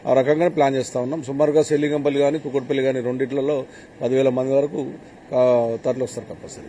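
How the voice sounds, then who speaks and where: Casting: older male politician, quick emphatic delivery, warm low tone, faint ambient noise behind. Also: flat delivery. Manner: emphatic, repeats points, rhetorical questions. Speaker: MLA interviewed by a reporter. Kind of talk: interview answers on camera.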